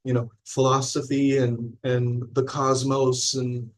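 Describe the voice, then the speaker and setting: Slow and mid-range, with little pitch movement, the voice belongs to a forties-aged mindfulness teacher from Illinois. He's live-streaming a meandering, chatty talk, reading viewer comments and checking in with listeners often.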